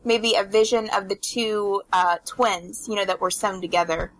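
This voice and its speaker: A woman in casual chat, explaining at length in a halting way with many fillers. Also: medium pitch, fairly even intonation, fairly bright tone, slight background noise, poor audio. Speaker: co-host of a game discussion stream.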